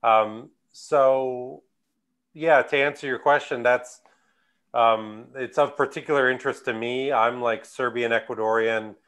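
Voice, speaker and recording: A man's voice: mid-range voice, fairly even intonation, measured pace, a bit bright, clean tone. An American man from the Midwest speaking at a conference panel over a video call, hesitant, with many fillers and restarts. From United States Midwest. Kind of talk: conference talk answering questions.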